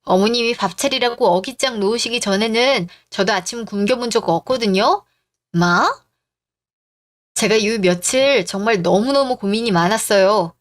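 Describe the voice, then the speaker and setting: A woman reads a family drama story aloud with calm, firm delivery. Her tone is pointed and steady. Her voice sits a little high. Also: moderate pace, few pauses. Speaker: story narrator and wife character. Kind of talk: scripted story narration.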